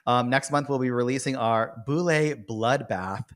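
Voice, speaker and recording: A man's voice: medium pitch, measured pace. A man hosting a podcast in a casual, campy conversational way. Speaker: podcast host. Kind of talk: casual recap chat.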